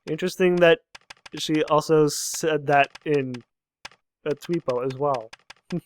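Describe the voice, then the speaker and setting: A man's voice: fairly high pitch, measured pace. A young man casually commenting on a game as he plays, musing aloud, reading lines of dialogue and chuckling often. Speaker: let's play host.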